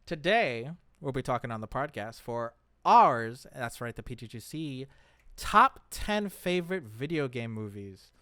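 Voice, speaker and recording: On his podcast, a man discusses movies casually and conversationally in a mid-range voice with big pitch swings and a somewhat slow delivery. His tone is bright and forceful, and the studio-quality recording has no echo.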